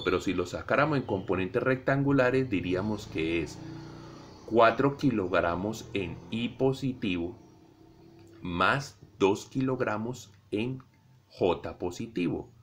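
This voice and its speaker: A middle-aged Colombian man teaching a physics lesson, explaining slowly and deliberately to his students. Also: lowish voice, lively intonation, a little hiss or hum. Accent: Colombian Spanish. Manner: slow, deliberate explaining, addresses students directly. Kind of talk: recorded classroom lesson.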